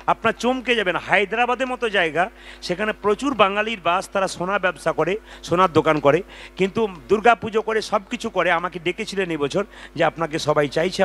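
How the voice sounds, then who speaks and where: A man leading a devotional kirtan at a live gathering. He sings, then talks to the crowd and urges them to chant louder. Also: high-pitched, a little hiss or hum. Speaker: kirtan lead singer. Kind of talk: devotional singing and exhorting the audience.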